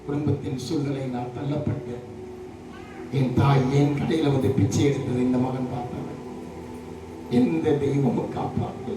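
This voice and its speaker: A middle-aged man preaching a rousing call-and-response sermon, swinging between shouts and hushed testimony. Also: mid-range voice, little pitch movement, moderate pace. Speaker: pastor. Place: large church hall. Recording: echoey hall, distant mic, noisy.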